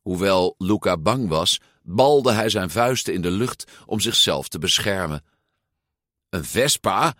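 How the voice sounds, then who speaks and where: Slow, expressive male storybook narrator. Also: low-pitched, no room sound, clean studio sound. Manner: expressive, unhurried. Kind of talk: storybook read-aloud narration.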